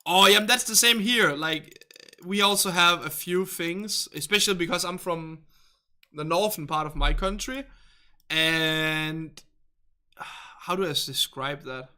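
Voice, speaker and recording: A man from northern Denmark with a Danish accent hosts a casual game stream, reading viewer chat and chatting in a loose, rambling way. He often searches for the right English word and laughs frequently. His clear, resonant voice sits a little high with a sharp, bright edge, and he speaks a little slowly.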